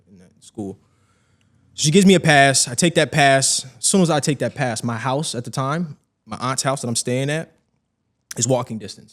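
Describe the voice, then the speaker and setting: A young man, a podcast guest, telling a personal story in casual conversation and acting out the voices of people in it. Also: mid-range voice. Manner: animated, acts out quoted voices.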